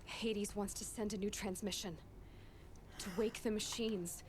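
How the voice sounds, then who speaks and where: Woman acting a serious young game heroine, guarded, mid-pitched, background ambience going. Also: steady tone, a little slow, heavy background noise, lightly acted. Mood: serious, realizing. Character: earnest, wary young heroine, determined and questioning. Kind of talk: dramatic video game acting.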